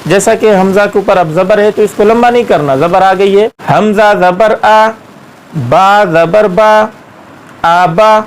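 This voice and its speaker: High-pitched man teaching slow recitation. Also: low-quality recording. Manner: patient, drawn-out syllable-by-syllable spelling. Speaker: Quran reading teacher. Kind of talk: slow step-by-step recitation lesson.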